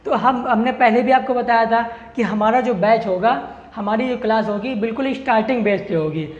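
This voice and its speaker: His voice is very high and his pace moderate: a male English teacher leading an online class. To drill each point he asks questions and answers them himself. Sound quality is dull and lo-fi, with roomy echo and faint hiss.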